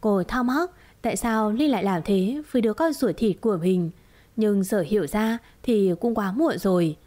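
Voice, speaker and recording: A woman reading a romance drama story aloud in a steady, dramatic storytelling manner. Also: medium pitch, normal speed. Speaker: narrator. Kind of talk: scripted story narration.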